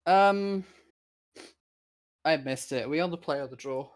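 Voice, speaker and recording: A man's voice: fairly high pitch, a little slow. A man from Britain co-hosting a game stream, chatting casually in a joking, rambling way. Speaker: streamer co-host. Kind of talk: casual chat while gaming.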